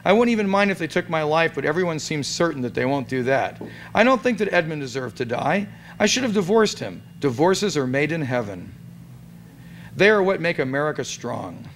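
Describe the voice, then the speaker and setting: A man giving a dramatic reading of a comic story at a gathering in a restaurant, in a deadpan, amused tone. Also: on the high side, brisk, slight background noise. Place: restaurant event room.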